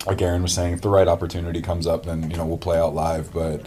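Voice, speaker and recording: A man's voice: sits low, completely flat delivery, quick pace, dark tone, slight background noise. A man, a metal band member, talking casually and rambling in an interview, laughing easily. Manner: rambling, lots of fillers and restarts, laughs easily.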